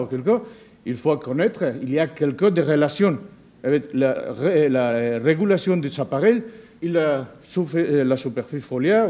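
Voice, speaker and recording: A non-native speaker from Spain with a Spanish accent, this man gives a conference presentation as a researcher, halting and searching for words in foreign-accented speech. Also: medium pitch, mellow. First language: not a native French speaker. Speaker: university researcher giving a presentation.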